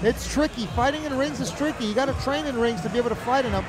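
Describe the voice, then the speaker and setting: Over crowd noise and music, a man with a very high voice delivers fast, conversational color commentary on an MMA fight, often repeating himself for emphasis. It's live fight analysis on a rough recording.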